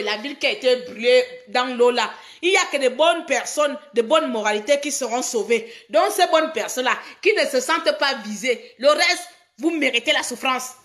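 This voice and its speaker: A woman's voice: fairly high pitch, a bit bright. A woman from Gabon, hosting a live stream and scolding her audience with rhetorical questions. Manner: indignant, scolding, repeats herself with rhetorical questions. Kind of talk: heated live-stream rant.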